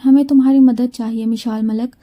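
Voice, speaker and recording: A woman voicing a stern, serious male army major who speaks slowly and curtly. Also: on the high side, steady tone, dull audio, lightly acted. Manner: slow, serious delivery.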